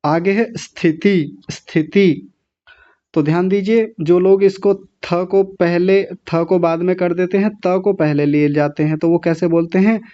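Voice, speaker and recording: Slow, deliberate man teaching recitation. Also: high-pitched, steady tone, warm tone, muffled recording. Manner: slow, deliberate syllable-by-syllable correction; clears throat often. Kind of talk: online class teaching pronunciation.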